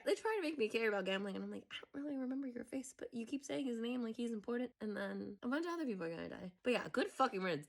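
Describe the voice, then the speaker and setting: A young American woman hosting a movie reaction, rambling casually, swearing and sometimes dropping to a whisper. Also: medium pitch. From United States. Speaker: movie reaction channel host.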